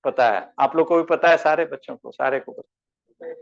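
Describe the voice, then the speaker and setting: A man's voice: fairly high pitch, moderate pace, creaky, dull audio. A male chemistry teacher giving an online class lecture, calling students by name and asking them questions. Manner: addresses students as beta, asks them questions.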